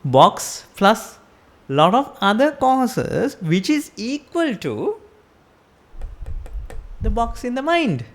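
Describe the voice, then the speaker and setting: In a mid-range voice, a Buddhist teacher with a Sri Lankan accent preaches a sermon. She moves through her explanation step by step, asking her listeners rhetorical questions along the way.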